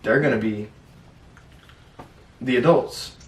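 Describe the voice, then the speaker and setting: A young adult man hosts a casual podcast chat, speaking bluntly and with plenty of slang. His voice sits at medium pitch and he takes it slowly. He's indoors at a table in a small bare room, picked up by a distant camera or room mic, so it sounds echoey.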